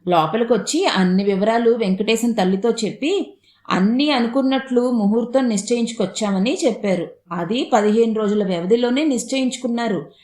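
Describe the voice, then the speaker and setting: A woman telling a humorous family story in the first person with lively narration. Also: a little high, a little fast, roomy sound.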